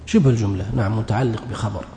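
A man's voice: lowish voice, quick pace, dark tone. A man teaching an Arabic grammar lesson, explaining step by step and quizzing his students with questions. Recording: echoey hall with long reverb.

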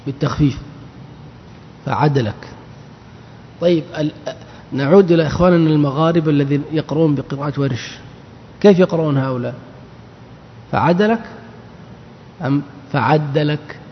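A man's voice: fairly high pitch, steady tone, rapid-fire, a little hiss or hum. A man giving a religious lesson on scripture, explaining patiently and quizzing his listeners. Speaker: teacher of Quran exegesis. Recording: dull recording with long reverb.

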